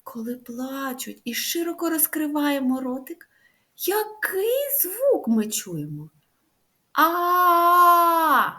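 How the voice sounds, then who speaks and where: A woman speech therapist giving a lively, sing-song lesson to young children, stretching out the vowel sounds. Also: sits high, slow pace.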